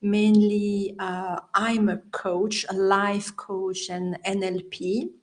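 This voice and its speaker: A Belgian woman, a native French speaker with a Belgian French accent, chats over a video call as a podcast guest; she's a healer and life coach. In this casual interview her mid-range voice stays level, slow, and a little mellow, and she laughs often and phrases things in a non-native way.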